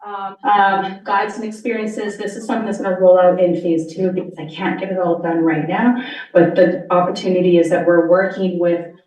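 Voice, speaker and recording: A woman giving a quick, chatty presentation on tourism marketing at a board meeting. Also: on the low side, steady tone, a little mellow. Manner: fast-talking, chatty, self-aware. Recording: echoey meeting room, mic far off.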